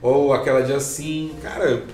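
A man's voice: medium pitch, normal speed. A man in casual, slangy chat, laughing often as he tells stories. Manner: slangy, laughing, animated storytelling. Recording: roomy, mic at a distance, faint music.

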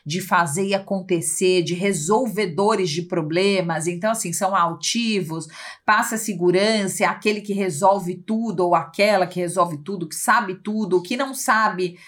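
A woman's voice: lowish voice, moderate pace, fairly bright tone. Woman, Brazilian Portuguese accent, podcast co-host, casual explanatory chat, frequent "né?". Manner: explains with many "né?" tags and acted examples.

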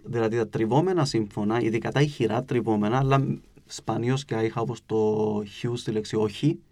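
A linguist guest with a Cypriot Greek accent from Cyprus gives patient, explanatory interview answers, using spoken examples and frequent hesitation sounds, many of them filler "e" sounds. His voice is lowish and a little mellow.

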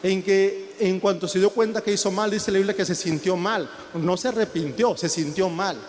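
Male preacher, emphatic sermon, high-pitched voice, faint hall echo. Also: fairly even intonation, normal speed. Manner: retells scenes with acted quotes, emphatic and rising in intensity. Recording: long hall reverb, faint ambience.

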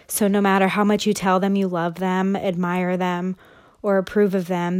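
Young woman, podcast host, casual chatty monologue, slightly low voice, filler-heavy, breathy. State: breathing heavily.

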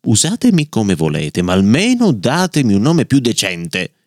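A man's voice: fairly low pitch, wildly swooping pitch, moderate pace, no echo, studio quality. A man doing an indignant leather bookmark. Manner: indignant, declamatory outburst. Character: proud, touchy female leather bookmark. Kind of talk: storybook reading.

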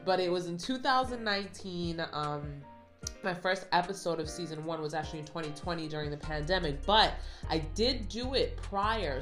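A woman with a slightly stuffy voice hosts her own motivational podcast, pitched on the low side. She talks casually to listeners and slows down to read affirmations with earnest care. Faint music plays softly behind her. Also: echoey room. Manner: reads affirmations slowly and earnestly. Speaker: podcast host.

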